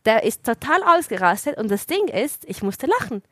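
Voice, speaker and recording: A woman telling a story in casual chat, lively and laughing often. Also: on the high side, moderate pace, husky, no room sound.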